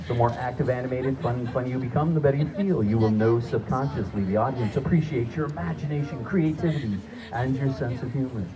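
A man's voice: medium pitch, fast, crowd noise. A man hosting a live stage hypnosis show, giving short, repetitive, directive commands and showman patter to participants and audience. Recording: noisy, muffled live stage recording.

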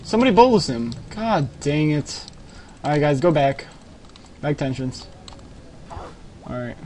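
A young man with a somewhat high voice commentates a game live, snapping short commands and repeating them. He speaks into a headset mic at his computer. Faint typing clatters behind him. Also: very animated, a little slow, darkish tone, a little hiss or hum. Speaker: clan leader giving orders.

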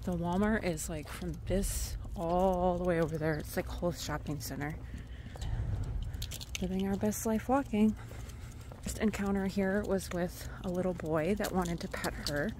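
Brief: woman vlogger, casual and chatty, low voice, unhurried, faint outdoor noise on a phone mic. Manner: chatty, talks to her dog and viewers. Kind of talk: casual travel vlog. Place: outdoors walking near a big store.

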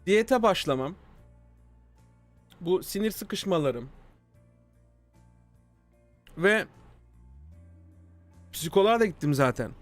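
A man streaming live, telling a story casually to his chat, animated and swearing freely. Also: sits high, takes it slowly, long pauses, faint music behind. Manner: animated, swears freely, acts out quoted dialogue.

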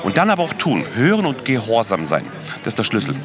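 A man's voice: mid-range voice, huge pitch swings, quick pace, over music. A man earnestly describing his prayer life as an interview guest, stressing points by repeating words. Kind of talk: casual faith conversation.

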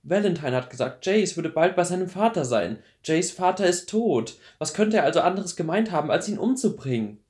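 A man voicing a desperate, defiant teenage girl in an audiobook, speaking high and loud with urgent pleading. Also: lively intonation, moderate pace, hardly any pauses.

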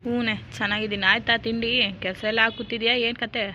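A woman's voice: on the high side, little pitch movement, quick pace, dull audio, noisy background, lightly acted. A woman as a chatty nosy neighbour. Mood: advising. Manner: familiar, advising, gossipy. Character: chatty, nosy neighbour woman, protective elder-sister type.

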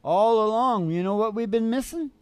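In a small curtained stage studio indoors, an older podcast host who is also a musician chats in a loose, folksy, rambling way, often saying the same phrases again. He talks at normal speed in a high, slightly mellow voice with a clean tone and no echo. A microphone on a stand picks him up, with acoustic guitar strumming in the background.

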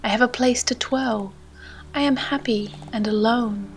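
A Canadian woman narrating a travel vlog in a gentle, hushed voice that sometimes drops to a whisper, and reading poetry aloud. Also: on the high side, measured pace, a little hiss or hum. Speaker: vlogger. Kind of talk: soft-spoken voice-over narration and poetry reading.

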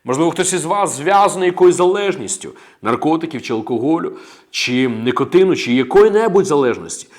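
A man delivers a sermon as pastor, his voice sitting a little high. He speaks emphatically and declares each point. He punctuates his lines with amens and praises. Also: lively intonation, brisk.

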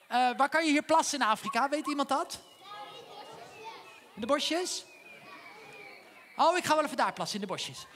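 An actor playing a cheerful, naive, childlike clown on stage, chatting playfully with the children in the audience. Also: male voice, very high voice, bright, forceful tone, a little hiss or hum, full character voice. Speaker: stage comedian. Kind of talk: live children's theatre comedy. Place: theatre stage.

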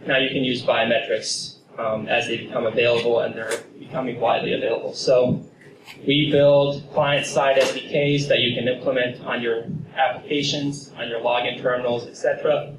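A young man with a medium-pitched, fairly flat voice gives a confident tech conference talk with a demo, speaking at a moderate pace into a handheld mic in an office meeting room. He explains things casually, with the odd filler. The audio is roomy and noisy, picked up by a distant camera.

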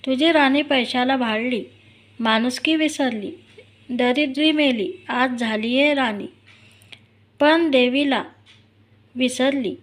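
A woman doing a bitter scolding old woman, high voice, storybook tale. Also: slow pace, pauses often. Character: angry poor old woman with a stick.

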